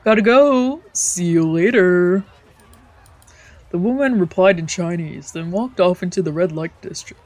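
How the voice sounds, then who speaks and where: Reading a visual novel aloud as a let's play, a woman speaks unhurriedly in a fairly low, darkish voice. She stumbles over the text at times and makes playful, casual asides while faint game music plays.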